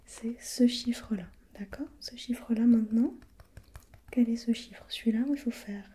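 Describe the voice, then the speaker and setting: A woman playing a gentle, patient preschool teacher in a soft, breathy whispered role-play, encouraging and repeating softly. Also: on the high side, steady tone, moderate pace.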